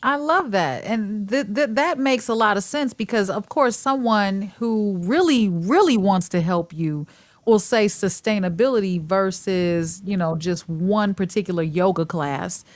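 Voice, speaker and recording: A woman's voice: mid-range voice, unhurried. A woman hosting a talk show, chatting effusively with rambling, enthusiastic questions. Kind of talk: casual interview chat.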